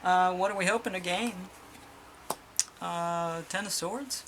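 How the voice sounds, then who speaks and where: A woman's voice: fairly low pitch, measured pace, noisy background. A middle-aged woman doing a casual tarot reading, chatty and exclamatory as she reads card meanings aloud. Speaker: tarot reader.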